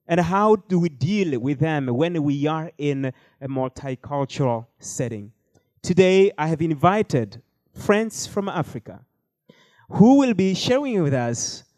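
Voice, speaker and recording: A man's voice: fairly high pitch, darkish tone, no room sound. A man hosting a panel discussion, speaking with frequent hesitations and fillers. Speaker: host.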